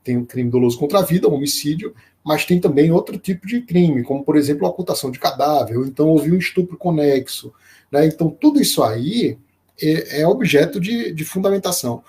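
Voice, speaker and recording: A man teaching a live-streamed law lecture, explaining slowly with frequent fillers and restarts and pausing to greet viewers by name. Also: on the high side, animated, a little mellow. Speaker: law professor.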